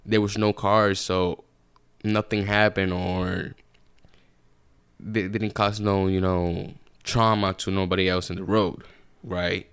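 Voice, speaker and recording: Low gravelly man, casual. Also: little pitch movement, takes it slowly, fairly bright tone, dry recording. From Puerto Rico. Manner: rambling, swears freely, self-correcting. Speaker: podcast host. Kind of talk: casual solo podcast monologue. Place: apartment room.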